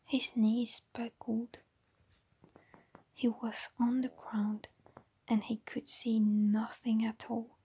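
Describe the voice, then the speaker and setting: A woman reading a story aloud in a soft, unvoiced whisper, slow and hushed, with the odd small restart. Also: fairly high pitch, flat delivery, slightly rough. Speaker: reader. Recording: dull lo-fi recording.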